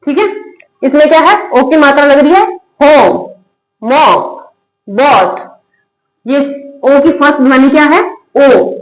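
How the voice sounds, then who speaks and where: A woman teaching English phonics as a lesson. She asks questions and answers them herself, and repeats example words slowly. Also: sits high, expressive. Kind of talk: classroom-style phonics lesson. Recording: echoey room.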